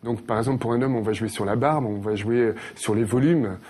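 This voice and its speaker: Medium-pitched man explaining hesitantly. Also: fairly quick, a little mellow. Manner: hesitant, searching for words. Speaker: guest, hairdresser. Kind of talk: conversational interview explanation.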